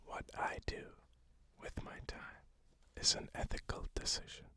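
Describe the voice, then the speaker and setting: Slow whispered ASMR pep talk. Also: sharp tone. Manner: whispering slowly, repeating short phrases. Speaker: ASMR host.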